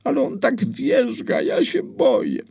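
Audiobook: anxious small boy, pushed-up strained voice, husky underneath, read by a man. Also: extremely high pitch, wildly swooping pitch, measured pace, a little mellow, voice pushed up, heavily acted. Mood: frightened. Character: small frightened boy, half-blind, anxious.

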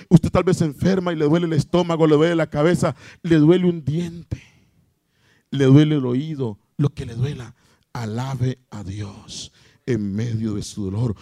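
A male pastor preaching a sermon, swinging from shouting to soft and calling out to the congregation for amens. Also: mid-range voice, gravelly, dry recording, clean studio sound. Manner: addresses congregation as brother, calls for amens.

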